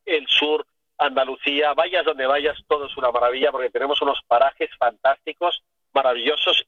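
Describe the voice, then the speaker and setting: A man's voice: fairly high pitch, dry recording. A man from Catalonia, a finance professional calling into a radio show, talking enthusiastically and at length. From Catalonia, Spain. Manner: enthusiastic, expansive, repeats praise. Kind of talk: casual radio chat. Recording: dull dry phone line.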